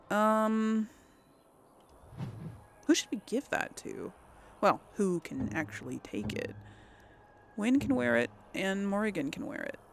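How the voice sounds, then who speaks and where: With a creaky, medium-pitched voice, a woman hosting a let's play chats informally about each move she makes. Slight background noise mixes with the game music behind her.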